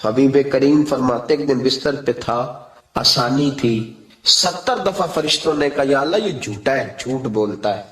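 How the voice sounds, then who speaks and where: A man preaching a sermon with impassioned delivery, dropping to soft pleading and rising to high emphatic cries. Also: echoey room. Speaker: Islamic preacher.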